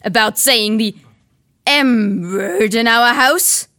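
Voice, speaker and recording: A woman doing Uncle Vernon, a blustering, shouting uncle. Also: mid-range voice, big pitch swings, moderate pace, pitched above the performer's own voice. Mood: roaring. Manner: shouting, snarling. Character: blustering bullying middle-aged uncle.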